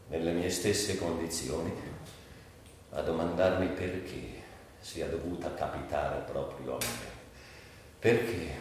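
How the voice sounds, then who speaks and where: Brief: dying, sardonic narrator, lively pitch swings, long hall reverb, faint background noise. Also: male voice. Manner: slow, falling, brooding delivery with sudden lifts. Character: bitter, mortally ill man facing death, narrator. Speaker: actor in a radio stage monologue. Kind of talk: dramatic theatrical monologue. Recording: very echoey hall, distant mic, faint noise.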